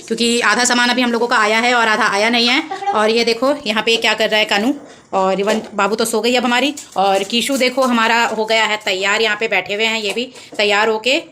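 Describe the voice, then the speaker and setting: Bright high-voiced woman vlogging at home. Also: fairly even intonation, a little fast, slight background noise. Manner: chatty, addresses viewers and coaxes her children. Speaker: vlogger, mother. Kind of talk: casual home vlog narration. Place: home, indoors.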